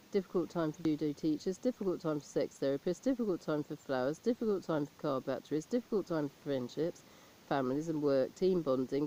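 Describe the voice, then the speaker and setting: A woman performing a deadpan comic monologue as a stand-up comedian, reeling off lists of jokes in a dry, flat delivery. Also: sits low, low-quality recording. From abroad, not England. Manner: deadpan list-making delivery.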